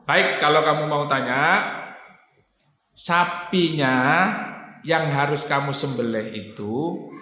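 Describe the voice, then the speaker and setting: A man delivers a Quran commentary sermon with a bright, forceful, rather high voice. He is animated, acting out indignant listeners and reciting Arabic verses between his explanations. The sound rings with heavy, long reverb, as if from a large hall. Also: takes it slowly, pauses often, a little hiss or hum. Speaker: Islamic preacher.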